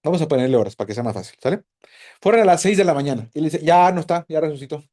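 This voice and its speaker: A man teaching a Bible class, animated and quizzing his students with lots of questions. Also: a little high, rapid-fire. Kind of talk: casual teaching to a group.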